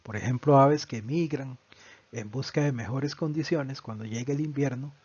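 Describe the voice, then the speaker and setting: A man's voice: mid-range voice, normal speed, a little mellow, breathy edge, no echo. A man teaching a biology lesson, explaining patiently and often checking in with the listener. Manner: patient, explanatory, often asks a tag question. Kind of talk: recorded online lesson. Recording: dull lo-fi, dry voice recording.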